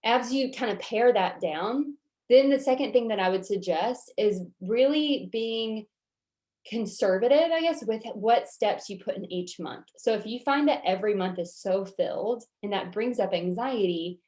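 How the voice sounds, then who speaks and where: A woman's voice: medium pitch, animated, normal speed, a little mellow. A woman with a Southern US accent coaching a workshop, answering questions in a casual, reassuring, conversational way. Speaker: goal-setting workshop coach.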